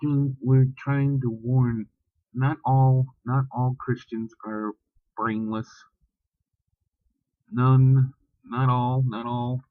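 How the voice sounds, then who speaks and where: A man's voice: medium pitch, little pitch movement, slow pace, pauses often, no room sound, phone-quality sound. A man ranting bluntly and profanely in a casual vlog, talking about religion with heat. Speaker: vlogger. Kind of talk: casual spoken rant.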